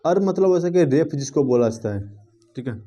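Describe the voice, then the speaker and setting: A man teaching a grammar class in a voice a little higher than most men. He talks the class through each rule, asks questions and keeps checking that they follow. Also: animated, fairly quick, dark tone. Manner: drills with repeated check-ins, asking the class questions. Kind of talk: grammar lesson.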